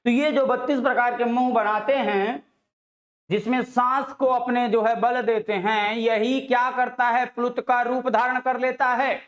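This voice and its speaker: Slow, deliberate male grammar teacher. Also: extremely high pitch, level tone, fairly bright tone, roomy sound. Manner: asks rhetorical questions and answers them himself; draws out example words and syllables. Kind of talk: online exam-prep lesson.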